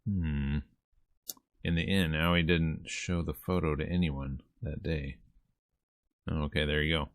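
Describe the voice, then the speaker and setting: A man streams a game, reading its text aloud, joking casually and acting out lines as he goes, with visual novel music and character voices behind him. His voice is extremely low and fairly even, slow with long pauses, recorded clean as a studio with no room sound.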